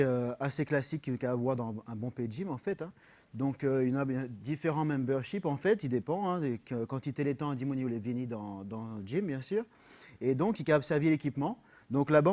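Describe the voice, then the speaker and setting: A man with a French accent talks as a radio guest in a studio. He explains things earnestly but haltingly, with plenty of fillers, and slips English words in when he reaches for a term. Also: medium pitch, lively intonation, a little mellow. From France. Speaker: personal trainer, guest. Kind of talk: radio interview.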